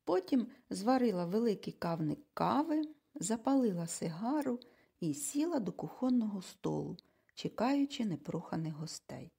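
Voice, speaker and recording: A woman narrating an audiobook of a children's novel in an expressive storytelling manner. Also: medium pitch, normal speed, creaky, breathy edge.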